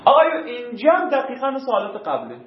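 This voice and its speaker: A man's voice: extremely high pitch, wildly swooping pitch, a little hiss or hum. A male teacher giving a classroom grammar lesson, drilling verb forms and quizzing his students. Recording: dull, roomy classroom recording.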